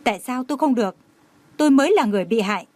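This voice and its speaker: A woman's voice: a little high, a little fast, close to an everyday voice. Woman reading as a fiery, defiant young woman. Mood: indignant. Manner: defiant and indignant.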